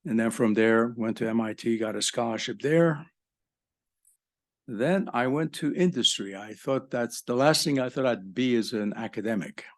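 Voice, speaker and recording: A man's voice: mid-range voice, moderate pace. An older man born in Egypt, a professor giving a live conference talk in a conversational way with joking asides to the audience. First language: French.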